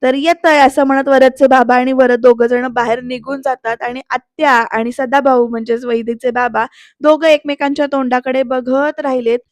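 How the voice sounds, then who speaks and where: Woman doing a chatty serial recap, high voice, dry close sound, keeps talking to viewers. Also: no echo. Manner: chatty retelling, often addresses viewers. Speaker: serial episode reviewer. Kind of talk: voice-over episode recap.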